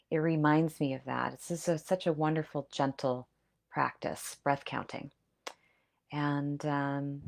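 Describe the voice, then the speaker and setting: Low voiced woman, meditation host just talking casually to her viewers. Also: gravelly. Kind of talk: informal closing remarks to viewers.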